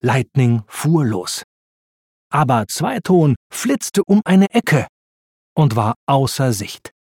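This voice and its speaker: A man narrating a children's storybook with expressive, slow reading. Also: mid-range voice, breathy edge, no room sound, clean studio sound.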